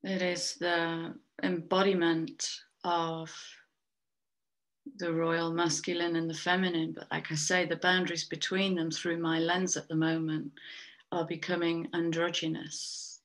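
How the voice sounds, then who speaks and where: A woman with a lowish, gravelly voice leads a spiritual tarot card reading. She muses slowly and often trails off mid-thought before picking it back up. Small breathy laughs slip in between her thoughts. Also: little pitch movement, fairly bright tone. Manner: slow, musing, trails off and restarts. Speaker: tarot reader and soul coach.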